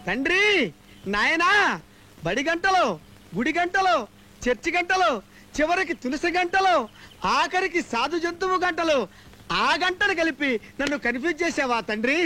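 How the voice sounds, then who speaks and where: Shrill panicky comic schemer. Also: male voice, animated, a little slow, long pauses, pushed and bright, heavily acted. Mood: pleading. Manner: wailing, pleading, melodramatic. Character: excitable meddling young man, panicky and whiny. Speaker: comic lead in a film scene. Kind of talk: slapstick film comedy acting. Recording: noisy film soundtrack.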